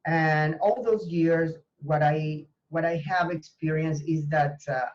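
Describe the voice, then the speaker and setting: A man's voice: on the high side, steady tone, slow. Guy, earnest teacher chatting on a video call, lots of ums and restarts, muffled lo-fi sound. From Venezuela. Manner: earnest, hesitant with many fillers and restarts. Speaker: language teacher, university professor. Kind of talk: conversational interview.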